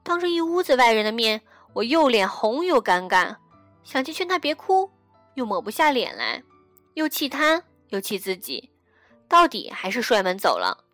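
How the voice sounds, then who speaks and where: A woman reading a story aloud in a gentle, intimate storytelling manner, acting out the dialogue as she goes. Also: on the high side, very animated, normal speed, dry recording. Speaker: radio reader. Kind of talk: storybook narration over music. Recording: dry close mic with soft background music.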